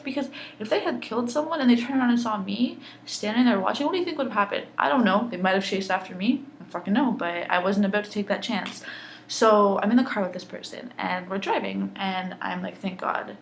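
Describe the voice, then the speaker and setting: A woman's voice: medium pitch, a little fast, a little hiss or hum, low-quality recording. Angry, upset young woman ranting. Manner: angry, intense, heavy swearing. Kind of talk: emotional personal vlog rant.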